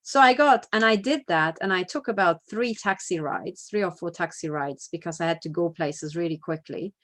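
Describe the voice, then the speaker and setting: Speaking in a fairly low, slightly bright voice at a moderate pace, an activist woman delivers a casual spoken video report. Her talk is blunt, emphatic and full of swearing, and she repeatedly adds "you know" and "right?"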